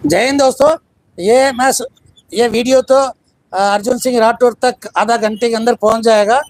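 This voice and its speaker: Man, very high voice, challenging, rallying tone, dry sound. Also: fairly even intonation, normal speed, no room sound, low-quality recording. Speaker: video host. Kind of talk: protest video address.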